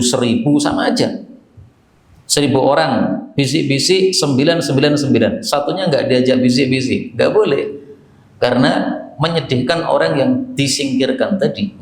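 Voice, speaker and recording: A male Islamic teacher giving a sermon-style religious lesson, explaining Arabic phrases word by word and addressing listeners as sir. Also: medium pitch. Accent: Javanese Indonesian. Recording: echoey hall.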